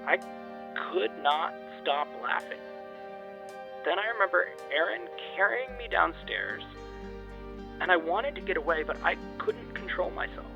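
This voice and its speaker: In an audio drama, a man with a fairly high, gravelly voice plays a rattled young man confiding in his friends. He speaks hesitantly, and the line sounds muffled.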